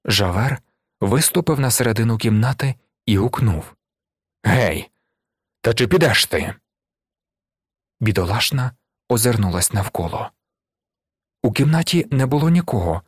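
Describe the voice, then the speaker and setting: Male audiobook narrator, measured expressive reading, mid-pitched voice, dry close sound. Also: slightly rough, no echo. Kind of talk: dramatic literary narration.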